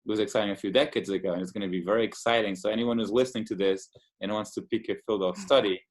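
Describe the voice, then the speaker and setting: A Portuguese immunologist in his thirties, his voice lowish and fairly even in intonation, races through his words. He's enthusiastic in a casual interview as a guest, full of fillers and restarts.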